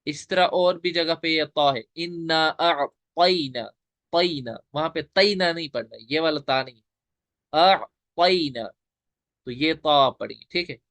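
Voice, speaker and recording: Man, tajweed teacher, online class, patient step-by-step explaining, slightly high voice, dry close sound. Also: moderate pace, creaky, hardly any pauses, a bit bright, no echo.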